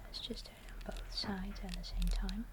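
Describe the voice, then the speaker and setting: A woman's voice: mid-range voice, fairly even intonation, normal speed. A woman whispering through an ASMR show-and-tell of a camera, hesitant and often searching for the right word. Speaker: ASMR host.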